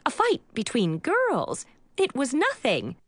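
A woman's voice: sits high, huge pitch swings, takes it slowly, fairly bright tone, no echo, pitched above the performer's own voice, heavily acted. A woman voicing a defensive middle-aged aunt who stammers and turns tearful. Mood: flustered.

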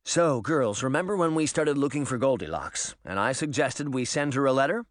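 A man's voice: medium pitch, animated, moderate pace, dry recording, clean studio sound, lightly acted. A man reading the lines of a casual, easygoing uncle in an audiobook. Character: relaxed easygoing uncle, middle-aged man.

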